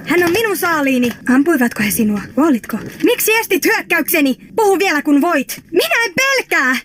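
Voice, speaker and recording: A woman's voice: very high-pitched, sing-song, a bit bright, a little hiss or hum, heavily acted. A young woman dubbing a fierce wild girl raised by wolves, curt and hostile, with a film score behind. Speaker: dub actor.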